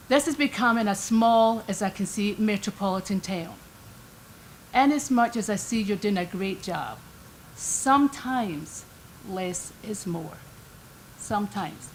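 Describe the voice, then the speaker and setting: An older woman with a Scottish accent speaks at a council meeting microphone. Her manner is chatty and folksy, and her voice sits at a middling pitch. A faint background hiss runs under her words. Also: a little slow, poor audio. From Scotland. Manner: chatty, homely, lightly self-deprecating. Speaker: resident giving public comment. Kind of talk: public comment at a council meeting.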